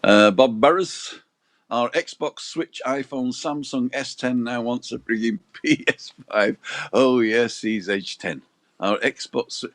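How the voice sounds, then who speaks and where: This livestream co-host speaks slowly in a mid-range, slightly bright voice. He's outdoors on a balcony, joking around and chatting as he reads comments from viewers.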